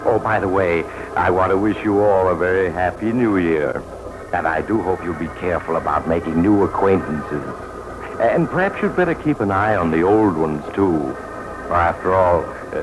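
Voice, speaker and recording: An actor playing a sly, genial, mysterious train traveler who narrates 1940s radio suspense in a wry, confiding way. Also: male voice, low-pitched, animated, normal speed. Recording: noisy 1940s radio recording.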